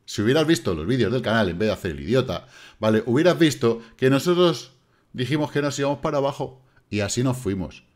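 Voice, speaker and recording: A man's voice: mid-range voice, lively intonation, a little fast. A man with a Spain Spanish accent giving casual crypto market commentary as host, blunt and mocking, swearing casually. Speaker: crypto trading YouTuber. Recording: distant megaphone-shouted opening.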